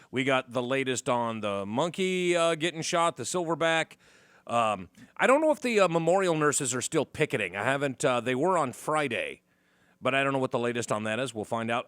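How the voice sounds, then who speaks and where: A man's voice: mid-range voice, fairly bright tone, clean tone, no echo, studio quality. A man hosting a morning radio talk show, chatting casually with a wry, joking manner and plenty of fillers. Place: radio studio. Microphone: studio microphone.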